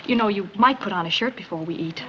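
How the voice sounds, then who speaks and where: An actress playing a poised, teasing young stage star and wife, from a 1940s film soundtrack. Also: female voice, mid-range voice, fast talker, bright, forceful tone, lightly acted. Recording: dull 1940s film soundtrack with faint hiss.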